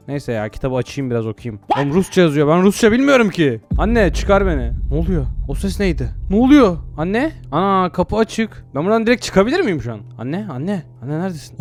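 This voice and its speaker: A man hosting a virtual reality game video, commenting excitably with loud mock outrage and casual swearing. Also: on the high side. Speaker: gaming channel host.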